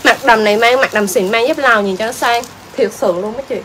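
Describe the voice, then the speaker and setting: Chatty high-voiced woman selling clothes live. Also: quick pace, a bit bright, slight background noise, low-quality recording. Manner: chatty, exclaiming, repeats prices. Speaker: livestream clothing seller. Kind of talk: fast live-selling patter.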